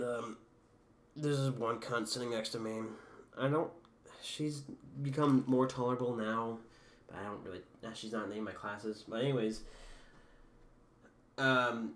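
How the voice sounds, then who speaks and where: This podcast host is a teenage boy whose voice is medium in pitch and fairly bright. In a casual chat he rambles through profane stories and laughs at his own jokes, recorded in an echoey room with a faint background hum.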